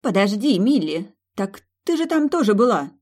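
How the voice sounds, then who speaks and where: A woman's voice: mid-range voice, very animated, normal speed, darkish tone, breathy edge, voice pushed up. A woman voicing a squealing, eager young friend.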